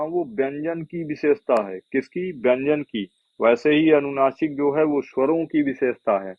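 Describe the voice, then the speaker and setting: A man's voice: a little high, no echo. Male coaching teacher, call-and-answer drilling, phone-like dry recording. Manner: drills with repeated questions and answers. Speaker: Hindi teacher. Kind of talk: exam coaching lecture. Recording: tinny phone-like dry sound.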